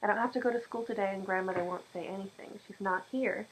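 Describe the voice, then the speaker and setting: A woman voicing a spirited teenage country girl with quick, pleading replies. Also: medium pitch, steady tone, a little hiss or hum, lightly acted, low-quality recording.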